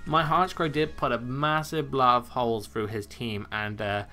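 A man with a bright, forceful voice talks through a video game match in a loose, chatty way. He pokes fun at himself and laughs easily, with faint music playing under his voice. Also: medium pitch, steady tone, normal speed. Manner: chatty and self-mocking, laughs often. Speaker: game commentator. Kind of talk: casual battle commentary.

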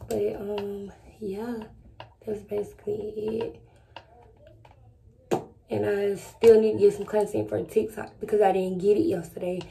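A woman's voice: mid-range voice, level tone, a little slow, gravelly, long pauses, background noise. A woman chats casually to camera, congested and slightly lisping from wearing retainers. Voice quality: congested, stuffed-up nose. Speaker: vlogger. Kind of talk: casual vlog chat to camera. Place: small indoor room at home, close to camera.

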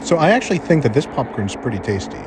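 A man's voice: medium pitch, very animated, fast talker, noisy background. A man reviewing food in a casual way, talking with food in his mouth, hesitant and earnest as he weighs his words.

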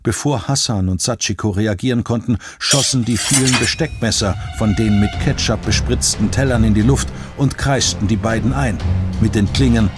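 Brief: male audiobook narrator, measured and steady, somewhat low voice. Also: over music.

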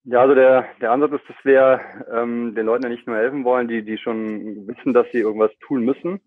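On a podcast interview, a Cologne-born startup founder from Germany talks in a chatty manner, laughing a lot and often restarting sentences amid many fillers. His medium-pitched voice is steady and brisk, heard over a dry, phone-like line with no echo.

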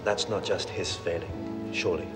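A man acting out a fond mentor with a low voice who talks in a measured, gently chiding way. Music plays behind him in a period TV drama. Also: fairly even intonation, big-room sound, lightly acted. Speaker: old family friend.

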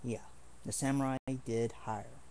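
Unhurried, earnest male hobbyist, rambling home-video demo talk, faint hiss behind. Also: mid-range voice, steady tone, vocal fry, a little mellow. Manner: rambling, earnest, with many restarts. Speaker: martial arts hobbyist showing swords. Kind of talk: casual home video demonstration.

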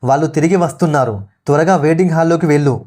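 Gentle protective ghost of a young woman, soft and reassuring, read by a male narrator in a fairly high voice. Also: fairly even intonation, racing, close to an everyday voice. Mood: urgent.

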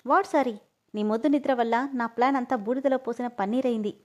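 A woman's voice: on the high side, fairly quick, darkish tone, natural voice. A woman reading the lines of a short-tempered, frustrated male boss in a storybook reading. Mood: scolding. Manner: scolding, irritable.

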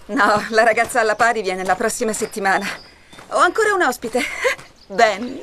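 An actress playing a playful single mother, gently teasing, in dubbed film dialogue over soft music. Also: on the high side, expressive, moderate pace, a little hiss or hum.

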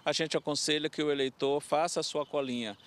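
A man's voice: on the high side, fairly even intonation, brisk, clear, resonant tone, dry recording. A middle-aged man from Curitiba, an electoral court official, explaining voting rules into a handheld mic. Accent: Brazilian Portuguese, Curitiba. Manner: explanatory, advisory. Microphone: handheld reporter mic.

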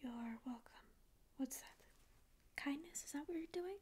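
Her high-pitched, darkish voice moves at a measured pace as she plays an old, grouchy sleep paralysis demon with a hidden soft spot. It's a sarcastic, mock-rude ASMR whisper, recorded close on the mic in a small dim room, with a grumpy mood.

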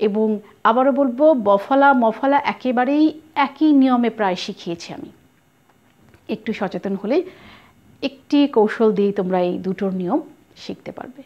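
A woman's voice: on the high side, normal speed, long pauses. A woman teacher explains pronunciation rules patiently and puts questions to her students. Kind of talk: pronunciation lesson. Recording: lo-fi muffled recording.

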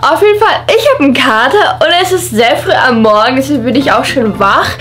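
A woman's voice: sits high, brisk, over loud music. A young woman vlogger chatting casually and playfully to a camera a short distance away indoors at home. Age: young adult. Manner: animated, playful, giggly. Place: home kitchen and bedroom indoors. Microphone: handheld camera a short distance away.

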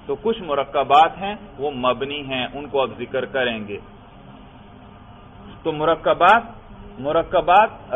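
A man's voice: fairly high pitch, a little hiss or hum. Man lecturing over a tinny line. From Pakistan. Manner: asks the class questions and answers them, calls listeners brother. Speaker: Arabic grammar teacher. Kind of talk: classroom lecture. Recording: tinny phone-like lecture recording.

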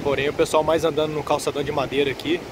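A man's voice: fairly high pitch, racing. A man casually narrating a walking vlog by the sea, chatting to his viewers as he films on a handheld phone. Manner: relaxed, chatty, addresses viewers often. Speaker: vlogger filming the beach. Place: outdoors on a windy seaside boardwalk. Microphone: handheld phone camera. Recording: loud wind and surf noise. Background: waves and passing traffic.

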